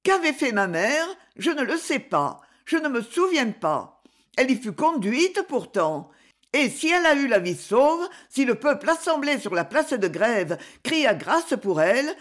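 A woman's voice: on the high side, pitched above the performer's own voice. A woman voicing a distraught middle-aged duchess who was once a bohemian singer, speaking feverishly and in anguish.

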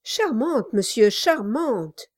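A fawning, sniggering man of the law, voiced by a woman reader, tittering along and agreeing eagerly. The voice is pitched high and delivered slowly, with a nervous, flattering manner in an audiobook. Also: no room sound, studio quality, exaggerated voice. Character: fawning, sniggering male lawyer.

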